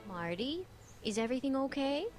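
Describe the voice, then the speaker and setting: A woman's voice: high-pitched, big pitch swings, normal speed, darkish tone, soft background music. A woman playing a caring, reassuring American mother in a video game. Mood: soothing.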